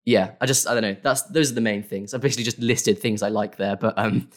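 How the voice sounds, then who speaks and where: Low-voiced young man, rambling. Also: steady tone, fast. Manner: rambling, many fillers and self-corrections. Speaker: guest creator. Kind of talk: casual interview.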